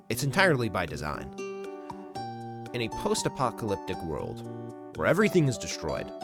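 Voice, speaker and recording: A man giving casual, enthusiastic game review commentary, swearing now and then. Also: fairly low pitch. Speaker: gaming commentator. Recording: voice-over with clear background music.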